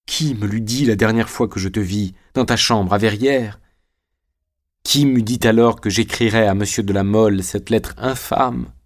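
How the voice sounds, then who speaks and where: Brief: man voicing a lovestruck condemned young man in an audiobook, low voice, fervent. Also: moderate pace, close to an everyday voice. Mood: tender.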